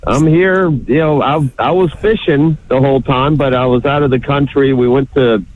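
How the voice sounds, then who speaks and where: A man's voice: medium pitch, steady tone, moderate pace. Man calling in over a phone line. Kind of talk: casual storytelling.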